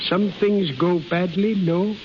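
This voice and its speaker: A 1930s radio actor, heard on a muffled, hissy recording, voices a kindly, fussing old Swiss innkeeper who is devoted and blunt. His high male voice is steady and slow, warm and coaxing, fatherly, with quaint foreign phrasing.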